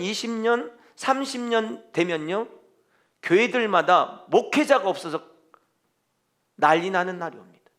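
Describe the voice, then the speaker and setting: Male pastor, bright high voice, fervent sermon, swings up and down a lot. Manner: emphatic, fervent preaching with rhetorical questions to the congregation. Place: church.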